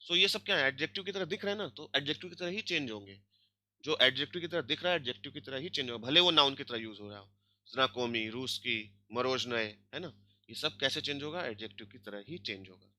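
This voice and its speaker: A man's voice: mid-range voice, expressive, fast talker, bright, forceful tone. A man teaching a grammar lesson online, explaining step by step and checking in often with his students. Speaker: language teacher.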